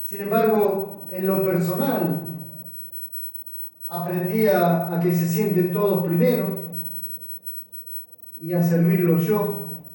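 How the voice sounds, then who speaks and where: Middle-aged male pastor, earnest repetitive preaching, mellow tone, picked up from afar. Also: high voice, steady tone, slow, long pauses. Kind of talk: sermon. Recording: echoey hall, distant mic, soft music.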